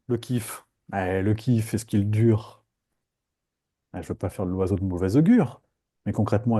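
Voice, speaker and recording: A man guides a group through a meditation talk on a video call. His voice sits low, dark and a bit husky. He jokes and acts out little inner voices. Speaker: meditation teacher.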